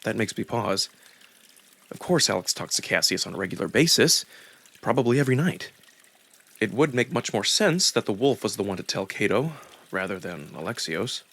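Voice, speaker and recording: Reading a visual novel aloud as its narrator, a man tells the story in the first person, expressively and deliberately, his voice lowish and gravelly.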